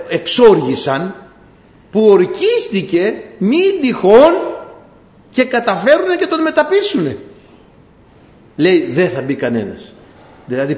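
Animated preacher man in an echoey hall. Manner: animated, acts out voices of people and God in rising pitch. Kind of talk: sermon.

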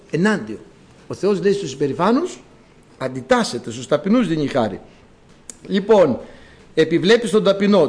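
Preaching in a church, a high-voiced man shifts from calm explanation to loud shouts of praise, and reads passages of scripture slowly and formally.

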